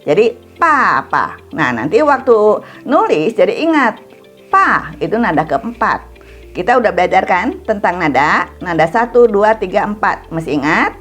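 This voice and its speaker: A woman Mandarin teacher giving an online lesson to schoolchildren, drilling syllables slowly with exaggerated tones. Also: medium pitch, sing-song, fairly bright tone, faint music behind.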